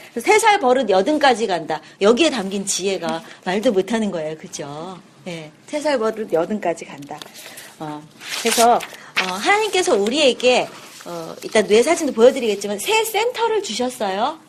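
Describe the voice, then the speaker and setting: A woman lecturer giving a lively seminar talk, asking the audience questions and acting out little scenes. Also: on the high side. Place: seminar room.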